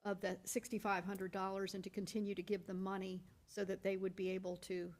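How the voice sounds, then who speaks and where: At a public board workshop in a meeting room, a female school board member deliberates in a medium-pitched, monotone, somewhat dark voice with a deliberate delivery. She lays out her reasoning through one step-by-step hypothetical after another, often restarting her sentences.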